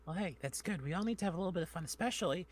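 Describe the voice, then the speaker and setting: A woman's voice: fairly low pitch, lively intonation, very fast, slight background noise, close to an everyday voice. A woman playing a cheerful, chatty demon student who rambles casually with plenty of fillers.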